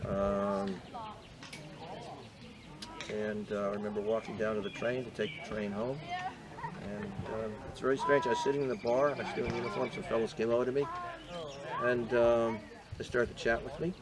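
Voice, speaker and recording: A man in his seventies from the Boston area, a veteran being interviewed, telling his story in a measured, earnest way with frequent hesitations. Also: lowish voice, level tone, a crowd in the background. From Boston area, USA. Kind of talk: reflective personal storytelling.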